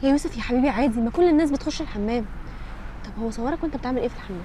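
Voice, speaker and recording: A woman's voice: on the high side, animated, dark tone, slight background noise, natural voice. An actress playing a pregnant young wife in a TV comedy, with an Egyptian Arabic accent, soothing her husband and teasing him. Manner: quick, soothing yet teasing. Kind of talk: TV comedy series acting.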